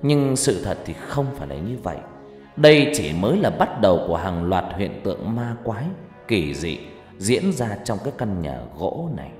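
A man's voice: lowish voice, big pitch swings, moderate pace, a little mellow, echoey room, in a large hall, faint music behind. A man narrating a first-person ghost story in a dramatic, scripted telling.

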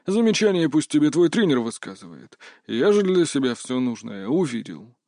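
A man's voice: medium pitch, sing-song, normal speed, dark tone, no room sound, clean studio sound. A man voicing a stern but caring old grandfather in an audiobook, firm and curt in manner. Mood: instructive. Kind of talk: audiobook character voice.

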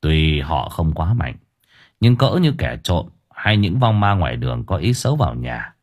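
A man voicing a stern, tired middle-aged uncle who scolds and explains gravely. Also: sits low, very animated, pitched below the performer's own voice. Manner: gruff, scolding, slow and grave.

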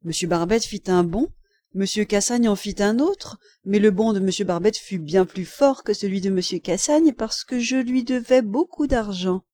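Warm, mellow-voiced woman reading a novel aloud. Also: mid-range voice, no room sound, studio quality. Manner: measured, expressive storytelling. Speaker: audiobook reader. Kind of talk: scripted literary narration.

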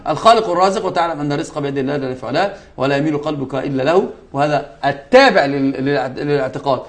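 A sheikh teaching a religious lesson to students, speaking emphatically, repeating key words, quoting scripture and breaking off for quick asides to the class. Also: male voice, on the high side.

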